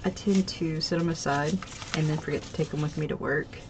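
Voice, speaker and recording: A craft channel host chats casually while showing stitching projects at her craft table at home, rambling with lots of ums and restarts. Congested and a bit nasal, she speaks briskly in a low-pitched voice with fairly even intonation, over a noisy background.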